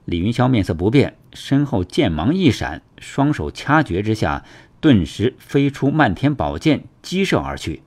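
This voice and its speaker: A man narrating a web novel audiobook with dramatic, expressive storytelling. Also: lowish voice, unhurried, few pauses.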